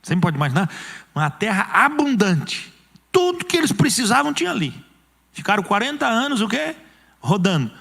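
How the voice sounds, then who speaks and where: A man's voice: high-pitched, sing-song, a little fast, creaky, fairly bright tone. A male pastor with a Brazilian Portuguese accent preaching an emphatic sermon, acting out quoted voices. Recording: long church hall reverb.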